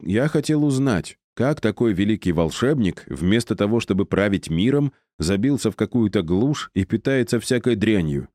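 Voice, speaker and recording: Male reader playing a glib young clerk pitched up high, flattering and pushy. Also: no echo, clean studio sound, lightly acted. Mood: wheedling. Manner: flattering, wheedling, quick to bargain.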